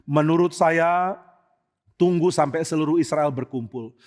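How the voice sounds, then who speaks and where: A man's voice: on the high side, unhurried, darkish tone, long reverb tail, close to an everyday voice. A pastor voicing a crafty, loyal male friend posing as a royal advisor, talking persuasively.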